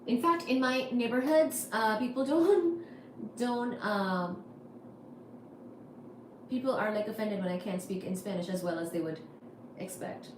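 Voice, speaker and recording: A woman from India hosting a casual livestream, answering chat comments with wry asides. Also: a little high. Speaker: livestream host. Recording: echoey room with faint noise.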